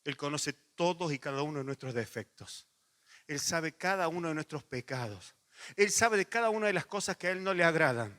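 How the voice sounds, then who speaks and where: A middle-aged man with a Rioplatense Spanish accent preaching a sermon, moving from lively anecdotes to hushed, earnest appeals. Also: on the high side. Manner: animated storytelling with laughs, then quiet intimate pleading. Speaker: pastor.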